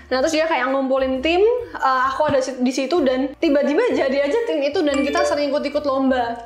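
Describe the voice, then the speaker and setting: This young woman talks fast in a high-pitched voice, with slight background noise in an echoey, roomy space. She's an iOS developer guesting on an interview, telling casual stories full of slang and English words.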